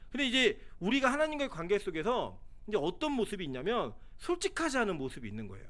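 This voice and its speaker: Male pastor preaching in a church, chatty, pitch jumps all over, acts out little voices. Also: a bit bright. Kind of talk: sermon. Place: church sanctuary.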